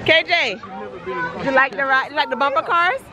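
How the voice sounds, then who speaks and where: A woman's voice: sits high, brisk. A woman chattily narrating a casual family vlog outdoors at an amusement park, checking in with the kids. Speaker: family vlogger. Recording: very noisy outdoor crowd and ride noise. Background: loud crowd and ride noise.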